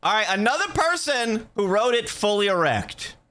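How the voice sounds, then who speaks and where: A man's voice: high-pitched, sing-song, normal speed, pushed and bright. A young man doing comedic commentary as he reads out reviews, joking in slangy speech and calling the listener bro. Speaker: YouTuber reading reviews.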